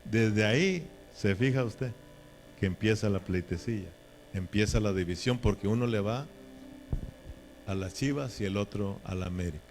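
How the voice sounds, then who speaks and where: A man's voice: lowish voice, normal speed, darkish tone, a little hiss or hum. A man preaching a sermon in a folksy, joking way, often checking in with his listeners. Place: church.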